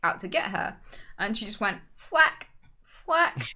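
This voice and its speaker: A young woman streamer telling stories in casual chat, animated and laughing often. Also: medium pitch, measured pace.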